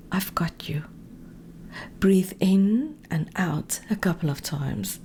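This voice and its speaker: Her guided instruction comes calmly and with gentle direction, the breathy softness often close to a whisper. She's a meditation coach with a lowish voice, and a faint hiss or hum sits under the recording.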